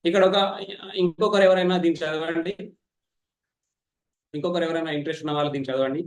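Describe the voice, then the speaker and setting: Fast-talking trainer, echoey room. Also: male voice, fairly high pitch. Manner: fast, animated, teasing participants. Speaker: public speaking trainer. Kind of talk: online class lecture. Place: online meeting.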